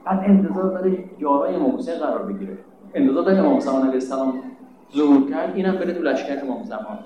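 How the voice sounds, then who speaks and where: A man's voice: a little high, echoey room, muffled recording, noisy background. A man giving a religious sermon, emphatic and scolding, asking rhetorical questions. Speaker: preacher.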